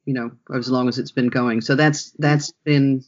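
A man, a workshop trainer, talking through his ideas in a relaxed interview, often restarting his sentences as he thinks. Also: medium pitch, normal speed, dull audio. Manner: reflective, thinks aloud with frequent restarts.

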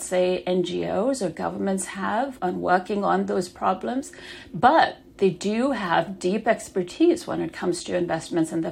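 A woman from Denmark, a podcast guest, explaining her work in a measured, explanatory way. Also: mid-range voice, vocal fry, slightly rough. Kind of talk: podcast interview.

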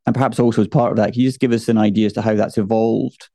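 Fast-talking, mellow man co-hosting a podcast. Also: lowish voice, steady tone. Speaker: podcast co-host. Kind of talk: casual podcast discussion.

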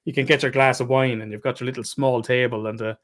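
A man's voice: medium pitch, steady tone, fast talker, fairly bright tone. Chatty man, casual swearing. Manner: chatty, swears casually, repeats words, laughs along. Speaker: therapist and podcast guest. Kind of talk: casual storytelling chat.

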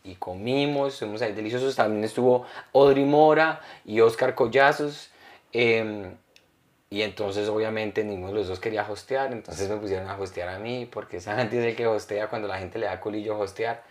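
A young man co-hosting a comedy podcast, telling stories in a lively, rambling way. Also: on the low side, fairly quick. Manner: animated, rambling storyteller. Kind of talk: casual podcast chat.

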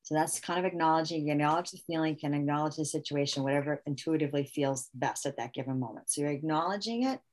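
Mom-type guest, lower register, conversational; thinks aloud with restarts and acts out sample lines to a kid. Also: female voice, fast talker, hardly any pauses, darkish tone. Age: adult parent. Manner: talks through ideas with many restarts and quoted one-liners. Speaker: parenting expert guest. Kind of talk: conversational explanation with acted example phrases.

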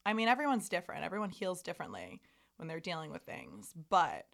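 Brisk and gravelly with a slightly bright edge, this fairly low voice swoops wildly in pitch. It belongs to a twentysomething woman co-hosting a podcast, chatting casually in a rambling, candid, self-deprecating way loaded with fillers.

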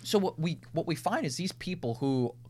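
A man's voice: on the high side, animated, moderate pace, darkish tone. A man with a Minnesota accent, co-hosting a conversational podcast and explaining ideas step by step, often thinking aloud through restarts and lists. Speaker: podcast co-host. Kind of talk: casual conversational podcast discussion.

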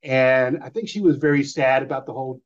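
On slightly dull lo-fi audio, a middle-aged interview guest rambles loosely through a personal story, voicing old phone calls in different characters. He speaks fairly quickly at a medium pitch.

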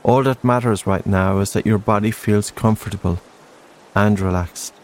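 A man narrating a slow guided breathing meditation in a soft, soothing, unhurried way. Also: lowish voice, poor audio. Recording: faint steady background noise. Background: soft green-noise ambience.

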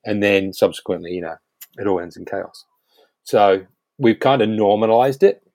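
Kiwi guy chatting on a podcast, lowish voice, dry close sound, blunt and swears a bit. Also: moderate pace, a little mellow, no echo. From New Zealand. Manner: frank, emphatic, swears casually. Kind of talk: casual conversational podcast chat.

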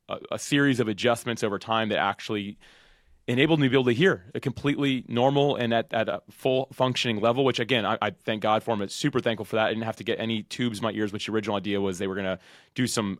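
A man's voice: on the low side, no echo, studio quality. A man in his thirties, a podcast guest, talking with energy and enthusiasm. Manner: energetic, enthusiastic, lots of fillers. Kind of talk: podcast interview.

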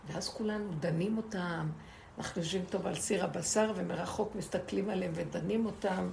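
A woman's voice: lowish voice, creaky, a little mellow, a little hiss or hum. A woman giving an impassioned spiritual lesson to a group, asking rhetorical questions and repeating words for emphasis. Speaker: Torah teacher.

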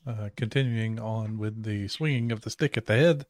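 Hesitant low-voiced man playing a game. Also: normal speed, dry recording, studio quality. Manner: hesitant, lots of ums. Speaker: player. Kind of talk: casual tabletop game chat.

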